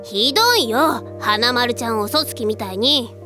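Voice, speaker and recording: A woman's voice: fairly high pitch, animated, unhurried, music in the background. A woman voicing an easygoing, friendly teenage girl with casual, wry remarks.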